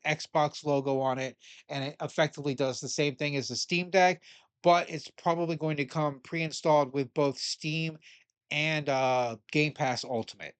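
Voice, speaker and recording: A man's voice: on the high side, smooth, dry recording. A man giving casual, opinionated commentary while reading a news article aloud and arguing with it. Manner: blunt, opinionated, swears casually; argues with the article as he reads it aloud.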